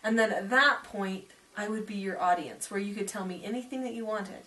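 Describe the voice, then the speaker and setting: A middle-aged woman, a parenting teacher, talking calmly and gently with her daughter in a reassuring way. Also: medium pitch, brisk. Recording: recorded from a distance with faint noise.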